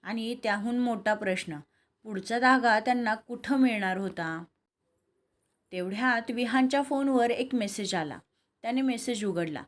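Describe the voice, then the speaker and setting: A woman's voice: on the high side, normal speed. A woman reading a romantic serial story aloud, voicing every character in her own voice. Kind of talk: scripted story narration with dialogue.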